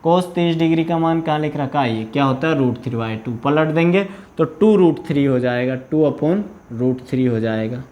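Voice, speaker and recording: A man's voice: fairly high pitch, moderate pace, few pauses, lo-fi sound. A man from India teaching maths in a video lesson, working through problems step by step and often checking that students follow. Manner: patient, repeats "है ना" to check understanding.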